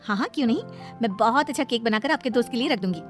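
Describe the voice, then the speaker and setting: A woman voicing a gentle young wife who earnestly defends herself in a cartoon story. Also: on the high side, expressive, very fast, over music. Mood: agreeable.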